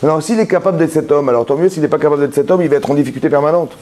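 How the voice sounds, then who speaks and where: A man's voice: on the high side, racing, darkish tone. A man, a rabbi, giving a Torah lesson that explains with everyday examples, with many restarts and repeated words, often checking that his listeners follow.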